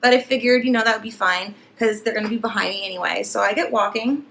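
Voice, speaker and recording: Bright, laughing woman storyteller. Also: mid-range voice, quick pace, vocal fry, slight background noise. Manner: animated, laughing, acts out the story. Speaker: vlogger. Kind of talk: casual storytelling to camera.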